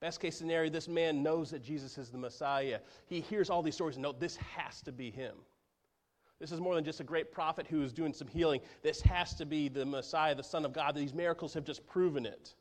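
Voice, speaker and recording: Earnest preacher man, slightly high voice. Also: brisk. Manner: earnest, drops to a hush for emphasis. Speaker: pastor. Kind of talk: sermon.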